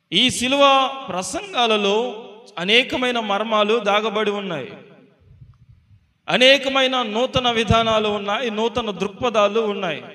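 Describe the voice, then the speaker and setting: A man preaching a sermon as pastor, slow and emphatic, repeating phrases for weight. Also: high voice, bright, forceful tone, big-room sound.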